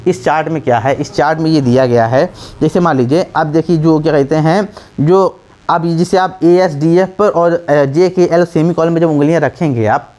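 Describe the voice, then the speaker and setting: A man's voice: on the high side, normal speed, darkish tone. A man teaching typing in a casual, repetitive way, full of fillers and restarts, often checking that the listener follows. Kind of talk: casual spoken tutorial.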